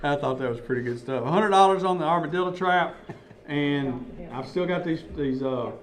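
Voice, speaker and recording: Folksy man calling radio auction bids. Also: on the high side. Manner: folksy, chuckling, reads bids off quickly. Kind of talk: live radio auction chat.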